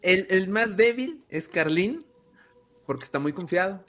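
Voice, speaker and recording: A man's voice: sits high, expressive, a little slow, crowd noise. A man chatting on a livestream, easygoing and wry. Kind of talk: casual banter on a livestream.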